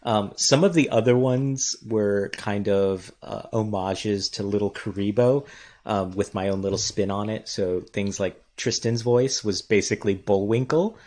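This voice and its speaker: A man's voice: lowish voice, unhurried. A man who co-created and voiced a web series, chatting casually on a stream with lots of ums and restarts. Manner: lively, hesitant with many ums. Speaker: co-creator and voice actor.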